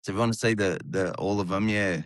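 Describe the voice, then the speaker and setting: A man's voice: lowish voice, quick pace, no echo, studio quality. An Australian man in his forties, a guest in a casual interview, talking in a laid-back, plain-spoken way with small hesitations. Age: 40s. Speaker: guest, artist.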